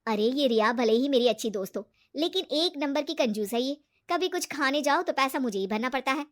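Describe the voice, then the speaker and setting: A woman voicing a scheming, jealous young woman who cheats her friend, loud and coaxing. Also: high voice, expressive, a little fast.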